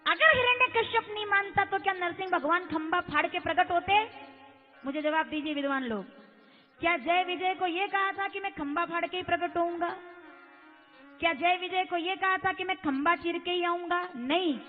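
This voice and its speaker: A woman with a very high, piercing voice preaches an impassioned devotional sermon. She keeps throwing rhetorical questions at a large crowd. Her voice rings through a long, echoey space on a tinny, phone-like recording, with faint music behind. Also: normal speed. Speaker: kathavachak preacher. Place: large religious gathering.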